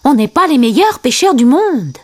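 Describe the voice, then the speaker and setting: A woman reading aloud, voicing a chatty, bossy little male meerkat who talks fast and sounds very sure of himself. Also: high-pitched, very animated, voice pushed up. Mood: cheery.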